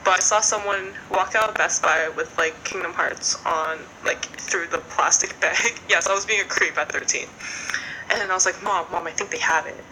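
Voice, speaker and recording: Young woman, sharp bright voice, chatty rambling podcast storyteller, faint background noise. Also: on the low side, steady tone, normal speed, poor audio. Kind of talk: casual chat.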